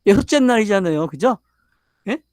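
Lively older male pastor lecturing. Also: high voice, normal speed, dry recording, studio quality. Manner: questioning the audience, emphatic. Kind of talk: sermon lecture.

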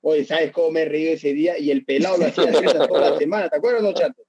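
Tell it like a laughing ex-player, high-pitched and husky, over a dull dry call line. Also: male voice, fast talker, dry recording. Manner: animated, laughing, acts out others' lines. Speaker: former footballer guest. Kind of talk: casual storytelling.

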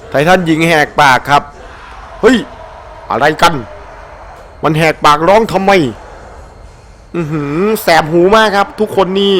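A man giving excited let's-play commentary over a game, animated and playful, with frequent shouted exclamations and crude slang. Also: on the high side, unhurried, pauses often, a little hiss or hum. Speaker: gameplay commentator. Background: faint game music.

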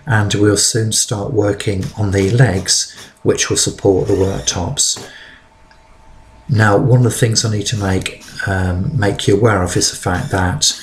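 A middle-aged man narrating his DIY build in a relaxed, practical way with fillers. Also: lowish voice, a little hiss or hum. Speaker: DIY vlogger.

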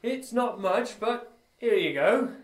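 A man acting out a short, older dwarf innkeeper for a tabletop game. The voice is pushed high and swings around, with a folksy, hesitant manner that is eager to please. The room echoes around it. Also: lively intonation, slow pace, a little hiss or hum. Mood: puzzled, friendly. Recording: roomy, echoing tabletop recording.

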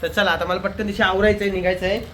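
A man's voice: high-pitched, flat delivery, racing, a bit bright, slight background noise. A man filming a casual family vlog, chatting and teasing his relatives while talking straight to his viewers. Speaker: family vlogger. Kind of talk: casual vlog chat to camera. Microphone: handheld camera.

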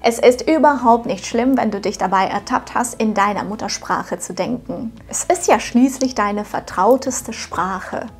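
Faint music runs under a fairly high, breathy-edged female voice that moves at a measured pace with hardly any pauses. She's a non-native German speaker in her thirties teaching a scripted lesson to camera from her home studio as the channel's host. Her manner is upbeat and encouraging, aimed right at the viewer.

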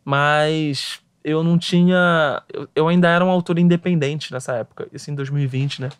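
Carioca man, high-ish voice, easygoing slangy storyteller on a dry podcast mic. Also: moderate pace, clear, resonant tone, dry recording. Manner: relaxed storytelling, slang-heavy. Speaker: guest author. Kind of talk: casual podcast conversation.

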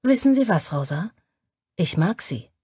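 A woman voicing a commanding, stern man in an audiobook, speaking slowly and with authority. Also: sing-song, warm tone, husky, no room sound, studio quality, heavily acted. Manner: slow, low and authoritative.

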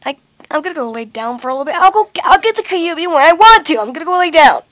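A young woman playing out an improvised puppet skit with plush toys, exclaiming and bickering excitably in character. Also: extremely high pitch, fast, no room sound, clean studio sound. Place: small carpeted room at home.

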